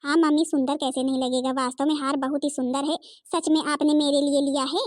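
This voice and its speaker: Woman doing a naive young cartoon daughter-in-law, eager, loud, high, dry sound. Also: little pitch movement, a little fast, no room sound, natural voice.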